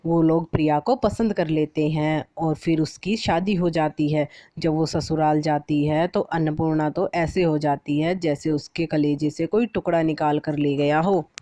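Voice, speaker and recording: A woman narrates a family moral story in a steady, plain way. Her voice sits a little low and sounds dry and close. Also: a little slow, few pauses, dry recording.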